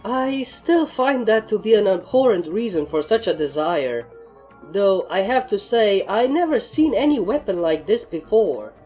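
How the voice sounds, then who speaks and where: A woman voicing a calm, regal female pony ruler in a fan story reading, measured and formal. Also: mid-range voice, soft background music, voice pushed up, lightly acted. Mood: stern.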